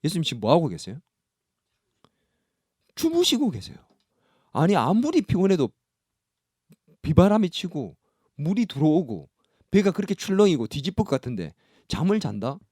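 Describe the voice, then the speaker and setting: Lively, high-voiced preacher man. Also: moderate pace, pauses often, breathy edge, no echo, studio quality. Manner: rhetorical questions to the congregation; animated, conversational preaching. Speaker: pastor. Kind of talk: sermon. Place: church sanctuary.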